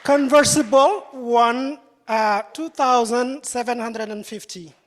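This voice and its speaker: A woman reading out a list of award winners in a steady way. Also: on the high side, slow pace. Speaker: awards presenter. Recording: hall reverb with crowd noise.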